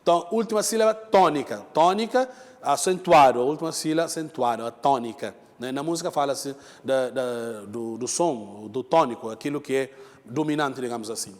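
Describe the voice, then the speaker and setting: A man with a mid-range voice teaches a televised lesson at normal speed, his voice carrying the sound of a big room. He explains things step by step, repeats key terms, and checks in with his students.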